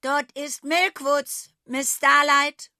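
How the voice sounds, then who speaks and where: A cheeky little animal girl, clever and brave, speaks playfully and a bit slowly, as a woman reading a storybook puts her on. Her voice is slightly husky and dry. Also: lowish voice, no echo. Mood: sly. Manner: playful, hissing.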